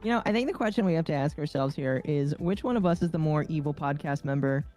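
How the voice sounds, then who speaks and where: Warm, low, and animated, this woman talks fast as she co-hosts a podcast. Her casual chat has a teasing, mock-serious edge, with music playing beneath the voices.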